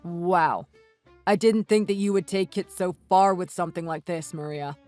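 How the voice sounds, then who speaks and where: A man voicing an indignant, reproachful brother-in-law in a text story, over soft music. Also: high voice, fairly even intonation, moderate pace, dry recording, natural voice. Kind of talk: read-aloud text-message story. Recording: dry voice with soft music underneath.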